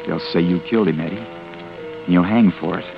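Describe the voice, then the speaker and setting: An actor playing a panicked young man hiding after a killing, narrating his dread in a tense, often hushed inner monologue. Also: low-pitched, normal speed, gravelly, over music. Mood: urging. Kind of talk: 1940s radio drama narration. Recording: dull old radio broadcast.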